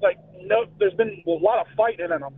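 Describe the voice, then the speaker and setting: A man calling in to a sports radio show, slightly hoarse, talking in an excited, rambling way with fillers. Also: high-pitched, fairly quick. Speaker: caller. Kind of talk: casual call-in chat. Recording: tinny phone line.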